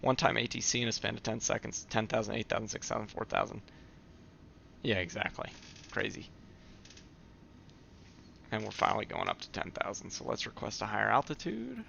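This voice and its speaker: A male streamer with a low, gravelly voice that still has a bright, forward edge. He chats in a relaxed, easygoing way with his viewers. The audio is dull and lo-fi, like a typical home stream mic. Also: fairly quick, long pauses, a little hiss or hum. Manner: relaxed, chatty, answers viewer comments. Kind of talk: casual live-stream chat.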